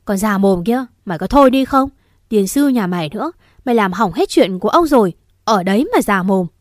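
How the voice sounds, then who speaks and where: A woman's voice: medium pitch, expressive, brisk, dry recording, clean studio sound, lightly acted. A woman voicing a drunk, abusive old husband who snarls vulgar threats in a storybook narration. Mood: furious.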